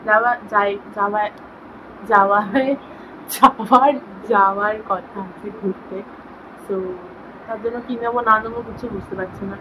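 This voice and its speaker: A woman's voice: on the high side, bright, forceful tone, slight background noise, rough recording. A young woman chatting casually through a daily home vlog, now and then cooing at her pets in baby talk. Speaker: vlogger. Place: home bedroom.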